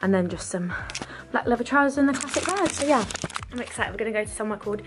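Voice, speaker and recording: A young woman in her twenties chatting casually to camera in a lifestyle vlog, gushing and quick with asides. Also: a little high, lively intonation, background noise. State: hoarse, lost voice. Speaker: vlogger.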